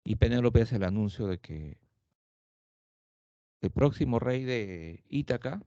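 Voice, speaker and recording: A male teacher retelling a story in a chatty way, often ending with tag questions. His voice sits at a middling pitch. The recording is dull and lo-fi, with a dry, close sound. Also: animated, measured pace, mellow, no echo. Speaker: literature teacher. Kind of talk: storytelling lecture.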